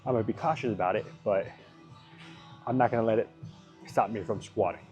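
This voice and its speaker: Male fitness vlogger, low voice, loose unscripted talk over soft background music. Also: fairly quick, highs cut off. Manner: rambling, thinks aloud, hedges and swears casually. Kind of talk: casual workout commentary.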